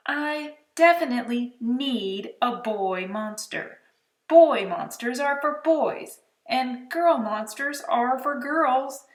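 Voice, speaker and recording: A woman's voice: sits high, animated, slow, reverberant, distant mic, voice pushed up. A woman doing an earnest picky little boy. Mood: insistent. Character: picky young boy at bedtime.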